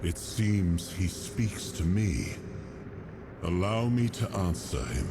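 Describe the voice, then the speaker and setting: A low-voiced, noble spirit of a fallen king in a fantasy video game. He speaks slowly and solemnly, with weary, regal gravity. Clear noise sits behind the voice. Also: sing-song, full character voice. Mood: humble, searching. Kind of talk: dramatic video game acting.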